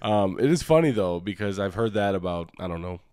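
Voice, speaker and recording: A man's voice: low voice, animated, brisk, a little mellow, clean tone, no echo, clean studio sound. A man hosting a casual podcast chat, with a stuffy nasal cold and a rambling, filler-heavy way of talking. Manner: rambling, many likes and ums, laughs often. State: has a cold, nasal and deeper than normal. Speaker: podcast co-host.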